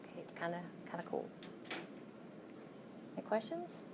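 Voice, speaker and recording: A woman's voice: lowish voice, sing-song, moderate pace, creaky, heavy background noise. A woman lecturing a college class, walking through each step and checking in with "okay?".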